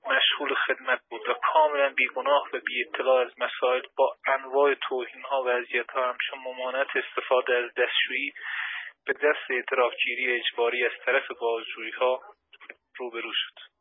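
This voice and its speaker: A man giving an earnest, formal prepared statement as an activist over a telephone, with a slightly husky voice. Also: mid-range voice. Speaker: imprisoned labour activist. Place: phone call from prison. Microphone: telephone handset. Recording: tinny, muffled phone line.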